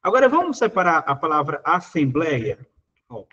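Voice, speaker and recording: A man's voice: on the high side, very animated, moderate pace, bright, forceful tone, slightly rough, highs cut off. A Brazilian Portuguese man teaching, working through exam questions in a casual, conversational way, full of little fillers.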